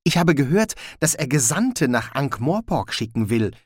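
A man's voice: mid-range voice, very animated, normal speed, husky, no room sound, clean studio sound. A man voicing a small, naive and trusting man who speaks earnestly and eagerly.

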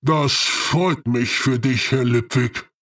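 A man voicing a huge male clay golem who speaks slowly with unshakable calm. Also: medium pitch, distant mic, voice pushed down. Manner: slow, even and unshakably calm. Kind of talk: audiobook character voice.

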